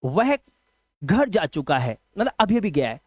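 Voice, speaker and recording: Lively male English teacher, Hindi accent. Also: sits high, unhurried, husky, dry recording. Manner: lively, addresses students with rhetorical questions and joking asides. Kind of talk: classroom grammar lesson.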